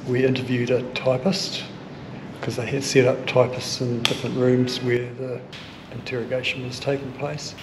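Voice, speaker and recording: A man in his fifties with a New Zealand accent, talking earnestly and thoughtfully in a museum and archive, pausing to pick his words. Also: medium pitch, noisy background. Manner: earnest, measured, with thoughtful pauses and fillers. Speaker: sailing vlogger recounting family history. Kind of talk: casual explanation on camera. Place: indoor archive room and museum hall. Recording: music bed underneath.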